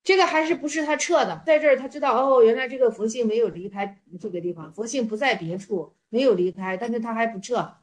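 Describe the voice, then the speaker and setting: A woman's voice: on the high side, quick pace, few pauses. A woman teaching Buddhist stories in a casual talk, explaining and repeating her points. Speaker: dharma teacher.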